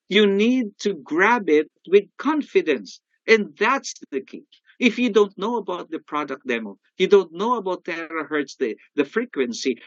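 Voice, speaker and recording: Older Filipino man coaching sales, animated. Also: fairly high pitch, no echo, lo-fi sound. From Philippines. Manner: animated, calls out to the audience. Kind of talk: motivational sales talk.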